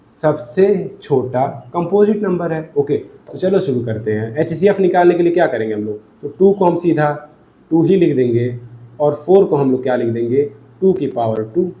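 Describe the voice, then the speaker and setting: Guy teaching maths, working sums out loud and asking himself questions, bit higher voice but mellow, echoey room with faint hum behind. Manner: talks through sums aloud, asks and answers his own questions. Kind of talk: step-by-step board lesson.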